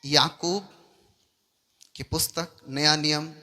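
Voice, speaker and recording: A male pastor with a high, very bright, forceful voice. He preaches with emphasis and keeps checking whether his listeners follow him. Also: fairly even intonation, slow. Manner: emphatic, repeatedly asks the congregation if they understand. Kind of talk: sermon.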